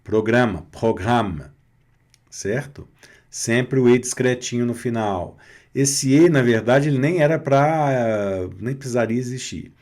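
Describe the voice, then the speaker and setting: A Brazilian man with a steady, middle-pitched voice teaches a French pronunciation lesson over slides. He speaks slowly and says each example word several times. He keeps checking in with his viewers through short tag questions. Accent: Brazilian Portuguese.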